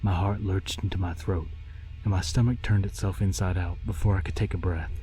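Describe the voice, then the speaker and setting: A man narrating a scripted scary story in a haunting, deliberate storytelling voice. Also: sits low, fairly even intonation, warm tone. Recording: music behind the voice. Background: music.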